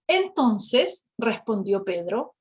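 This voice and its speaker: A woman teaching a Bible lesson, telling the story with lively rhetorical questions and acting out the characters. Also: mid-range voice, slow pace. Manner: acts out quoted characters.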